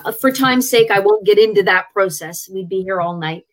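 A middle-aged Canadian woman, a traditional healer appearing as an interview guest, tells her life story candidly and conversationally, restarting hesitantly at times. Her mid-range voice is fairly bright and moves at a normal pace.

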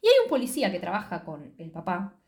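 A woman's voice: on the low side, fast talker. A young woman with a Rioplatense Spanish accent, co-hosting a podcast and retelling a series with lots of swearing and acted-out lines. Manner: animated, swears freely, acts out dialogue. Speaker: podcast co-host. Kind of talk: casual chat recapping a series.

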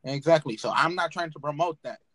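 A man's voice: on the high side, brisk, a bit bright, dry recording. A young man hosting a casual podcast, rambling and blunt, swearing freely. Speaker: podcast host.

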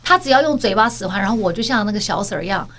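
A woman's voice: mid-range voice, animated, very fast, a bit bright. A woman co-hosting a podcast, chatting playfully and teasingly, mixing in English words. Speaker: podcast co-host. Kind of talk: casual chat.

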